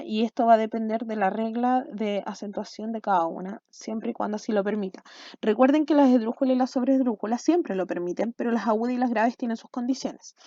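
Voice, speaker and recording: A woman teacher talks through a recorded lesson, pausing often to check her students follow along. Her voice sits fairly high but has a mellow, warm tone. The recording is dry and slightly dull, lo-fi. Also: no echo. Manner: explanatory, checks in with "¿ya?" and "¿cierto?". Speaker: school language teacher.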